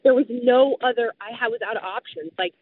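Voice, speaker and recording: On a dry, tinny line with no room sound and a phone-like feel, a woman shares a survival story as a guest. Her voice is a little high and fairly quick. She retells the close call vividly and casually, filling her speech with "like".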